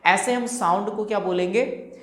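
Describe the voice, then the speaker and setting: A woman's voice: medium pitch, slight background noise. Woman teacher quizzing her class in an echoey room. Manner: explains in Hindi mixed with English terms, asks rhetorical questions then answers them; repeats example words slowly to show stress. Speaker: English teacher. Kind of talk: classroom-style lesson explaining rhyme types.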